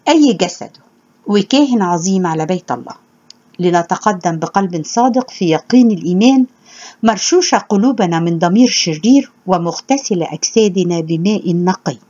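A woman with an Egyptian Arabic accent preaches in an earnest, measured way, her voice a little husky and even in pitch. The recording is dull and lo-fi, its top end muffled. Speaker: religious teacher. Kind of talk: spoken sermon with scripture reading.

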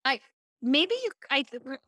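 A middle-aged woman speaking coach talks with high energy, racing through ideas and restarting sentences. Her voice is bright and forward. The recording is dry and close. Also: very animated, moderate pace, no echo. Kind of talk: podcast interview.

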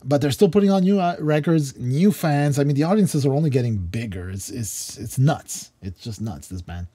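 A man's voice: medium pitch, lively intonation, normal speed, warm tone, no echo. A man co-hosting a music podcast, talking casually and rambling, with many fillers and restarts. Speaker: podcast co-host. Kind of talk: casual roundtable chat.

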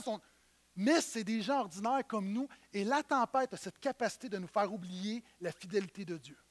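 Very high-voiced pastor preaching. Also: male voice. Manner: animated, conversational preaching with asides to the congregation. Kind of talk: sermon.

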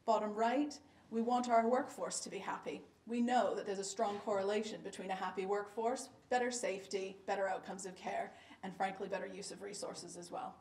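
A health service director from the United States with a Boston accent gives an emphatic, data-driven keynote in a conference lecture room, punctuated by punchy repeated "fact" refrains. Her medium-pitched, darkish voice is fairly quick and even, with few pauses. Recorded from a distance in an echoey room, it carries slight background noise.

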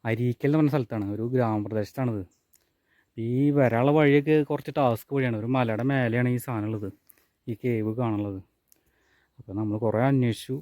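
A man's voice: mid-range voice, dark tone, no echo. A man with a northern Kerala Malabar accent, chatting casually as an exploration vlogger and dropping English words into his Malayalam. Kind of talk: casual exploration vlog talk. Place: outdoors on a hill and in a cave.

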